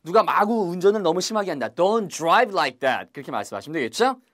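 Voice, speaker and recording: A man teaching English in a lively video lesson, drawing out English phrases slowly between quick asides. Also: sits high. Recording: faint music underneath.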